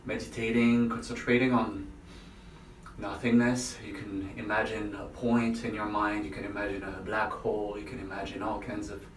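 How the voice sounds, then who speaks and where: Casting: male vlogger, lowish voice, halting casual how-to delivery, recorded in an echoey bathroom away from the mic. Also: little pitch movement. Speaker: vlogger demonstrating an ice bath. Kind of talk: casual instructional vlog, unscripted. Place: indoors in a bathroom by or in a bathtub. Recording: echoey bathroom, distant mic, faint noise.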